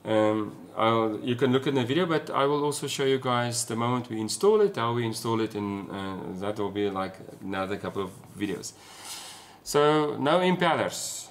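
A man's voice: mid-range voice, animated, moderate pace, slight background noise. Man with an Afrikaans South African accent. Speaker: sailing vlogger. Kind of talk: casual explanatory chat to camera. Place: small room at home, indoors.

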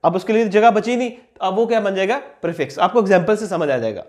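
A young man giving a chemistry lesson, posing questions to the class and answering them himself, repeating key terms slowly. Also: high-pitched, lively intonation, darkish tone. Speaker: chemistry teacher. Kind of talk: classroom lecture explaining on a board.

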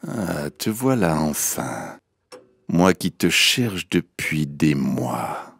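A man voicing a hunter in a children's storybook, speaking low, hushed and measured. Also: big pitch swings, slightly rough, heavily acted. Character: grown man hunter, quiet and determined.

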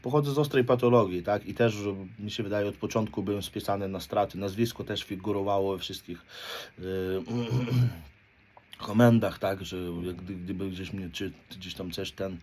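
A man's voice: lowish voice, moderate pace, darkish tone, slightly rough. A man in his thirties from Poland, talking bluntly in street slang and swearing constantly, often ending his points with a questioning "right?". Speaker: motivational speaker. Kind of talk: blunt confessional monologue.

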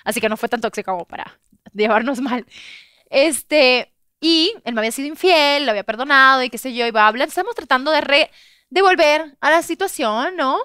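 A woman on a chat show telling a personal story with lots of energy, acting out what people said with loud bursts and laughter. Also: high-pitched, brisk, no echo, studio quality. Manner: expressive storyteller, acts out quotes with loud outbursts and laughs. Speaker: guest host telling a story. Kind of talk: animated anecdote on a chat show.

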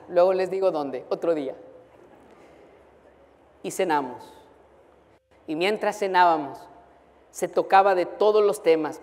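A man who is a pastor, telling a humorous, animated story during a sermon to students. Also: high-pitched. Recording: long hall reverb.

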